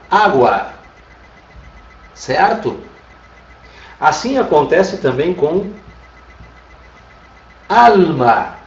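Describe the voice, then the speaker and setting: Brazilian teacher, roomy distant sound. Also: male voice, on the high side, dull audio. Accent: Brazilian Portuguese. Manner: patient, repeats "tá?" often. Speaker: Spanish teacher. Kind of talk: online class lecture.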